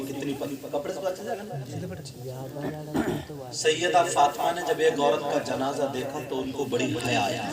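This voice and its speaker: A man preaching a religious sermon to a gathering in a melodic, chanting delivery. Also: a little high. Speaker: Islamic preacher. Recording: echoey, distant sound with loud music.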